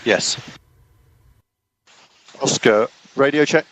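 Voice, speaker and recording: A male race engineer speaks very slowly over crackly car team radio, his medium-pitched voice fairly bright in tone. He delivers short, clipped commands, saying them more than once.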